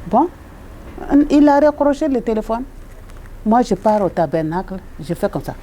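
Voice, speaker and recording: A woman, a religious sister, recounts her years in a hospital chaplaincy as a personal faith testimony. Her voice is soft, dark and warm. She circles back over the same phrases and leaps sharply upward when she acts out the people she quotes. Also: expressive, normal speed, a little hiss or hum. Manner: repetitive, retells with quoted dialogue and sudden high leaps.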